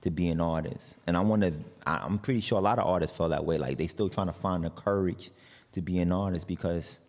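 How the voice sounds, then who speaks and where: Speaking quickly in a casual interview, this singer and artist has a very deep voice and a New York accent. His manner is loose and meandering, full of "like" and "you know," with thoughts that drift off unfinished. The recording carries a long, hall-like reverb.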